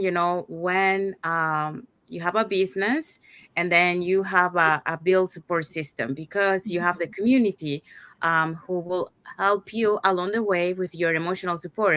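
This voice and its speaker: A woman from Panama, hosting an online talk on a video call with many fillers and pauses. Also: on the low side, pushed and bright, no room sound. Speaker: host.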